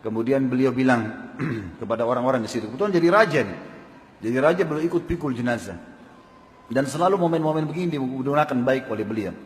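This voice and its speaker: A male preacher giving a sermon, telling stories in an animated way and questioning the audience. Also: medium pitch, fast talker. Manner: animated storytelling with questions to the crowd. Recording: long hall reverb.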